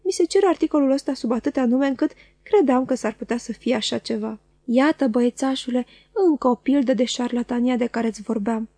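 A woman's voice: fairly high pitch, mellow, dry recording. A woman voicing a sly, chattering middle-aged female dwarf who teases and gossips, in a storybook reading. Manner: quick, teasing, knowing.

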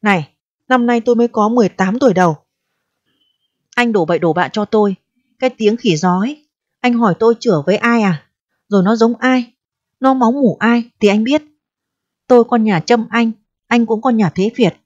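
A woman's voice: normal speed, long pauses, darkish tone, dry recording, lightly acted. A woman voicing a distressed, proud eighteen-year-old pregnant girl who pleads and reproaches in a storybook reading. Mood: pleading reproach. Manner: pleading and reproachful, turning shrill when upset. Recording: dull, dry audio.

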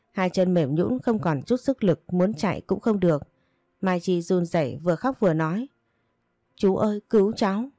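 A woman narrating an audiobook story in a steady, even reading voice. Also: fairly low pitch, dry recording, studio quality.

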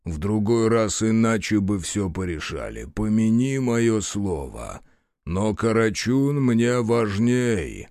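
Man doing a slow booming old frost spirit. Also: expressive, a little mellow, no room sound, studio quality. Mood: grudging. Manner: slow rumbling bass. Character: old winter spirit, bearded grandfather, gruff and booming.

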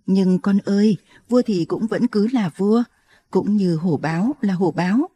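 A woman reading an audiobook, voicing a very old, wary grandmother who talks slowly and solemnly. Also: medium pitch, mellow, husky. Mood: grave. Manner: slow, measured, solemn.

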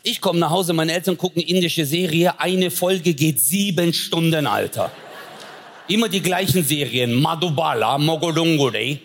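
Man telling a stand-up story, slightly high voice. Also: normal speed. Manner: acts out voices of family and objects. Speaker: stand-up comedian.

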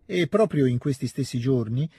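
A man narrating a classic novel in an audiobook, with a steady, expressive reading into a close studio mic. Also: medium pitch, moderate pace, faint music behind. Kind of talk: scripted literary narration.

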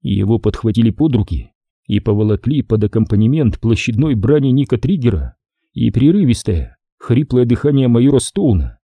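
A male narrator reading a crime novel aloud, his voice husky and very dark. His delivery is measured yet expressive, rising and falling through a lively pitch range. The close, dry recording has no room sound at all. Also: no room sound. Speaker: audiobook narrator. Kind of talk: scripted narration.

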